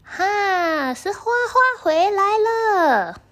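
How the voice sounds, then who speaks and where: A woman's voice: medium pitch, very animated, takes it slowly, a bit bright, heavily acted. A woman voicing a worried old grandpa shepherd who anxiously calls for his lost pet snake in a children's storybook tale. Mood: exclaiming. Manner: calling out anxiously, scolding.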